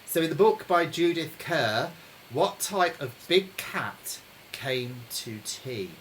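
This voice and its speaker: A man hosting a live-streamed pub quiz from home, chatting with viewers and reading each question slowly, then repeating it. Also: on the high side, expressive, a little hiss or hum, poor audio. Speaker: quiz host. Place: home during lockdown.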